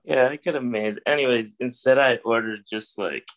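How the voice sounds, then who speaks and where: A man's voice: medium pitch, normal speed, dry recording, low-quality recording. A man co-hosting a podcast in casual chat, speaking hesitantly with many fillers. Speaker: podcast co-host.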